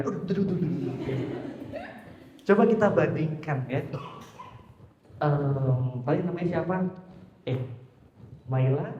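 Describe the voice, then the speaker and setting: A man's voice: on the high side, warm tone, slight background noise. A young man teaching public speaking to a class, playful and teasing as he quizzes his students. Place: large echoey room with an audience. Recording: echoey hall, muffled sound.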